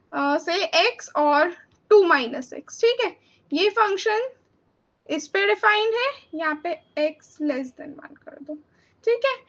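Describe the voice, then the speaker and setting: A woman explains a math lecture step by step, pausing to check that students follow. Her voice sits very high, and the recording sounds dull and lo-fi. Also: fairly bright tone. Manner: explains step by step, often checking with a questioning "theek hai?". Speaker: math tutor. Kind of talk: chalkboard-style math lecture.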